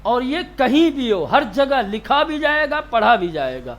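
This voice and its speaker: High-voiced man teaching a lesson. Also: big pitch swings, fairly bright tone. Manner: repeats terms slowly, asks and answers his own questions. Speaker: religious teacher. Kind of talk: classroom lesson on Quranic reading.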